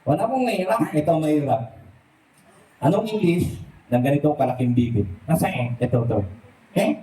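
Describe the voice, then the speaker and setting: A man runs a playful puppet show, firing quick quiz questions and teasing with laughter. His voice sits high and swings widely, with a soft, mellow tone. He is heard from across an echoey room with faint noise behind. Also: animated, far from the mic. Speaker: puppeteer host. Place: indoor room at a birthday party.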